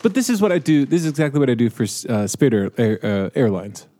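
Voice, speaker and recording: A man's voice: mid-range voice, big pitch swings, fast talker, dark tone. A man in casual conversation, wry and questioning, thinking his points through aloud. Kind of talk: casual chat.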